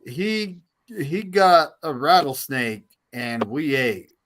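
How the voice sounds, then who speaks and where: Easygoing guy telling stories, slightly high voice. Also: sing-song, slow, fairly bright tone, a little hiss or hum. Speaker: podcast panelist. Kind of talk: casual chat.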